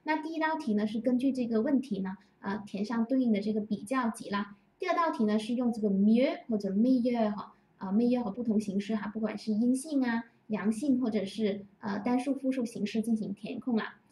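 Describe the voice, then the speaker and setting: A woman teaching French grammar to Chinese-speaking learners, patiently explaining and slowly repeating example phrases. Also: on the high side, dark tone, a little hiss or hum. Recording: roomy echo, distant from the mic.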